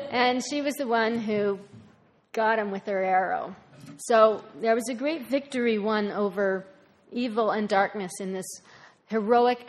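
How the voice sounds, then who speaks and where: A woman speaks at an informal gathering. She explains things in a measured, steady way. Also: fairly high pitch. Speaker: speaker at a talk. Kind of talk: informal talk.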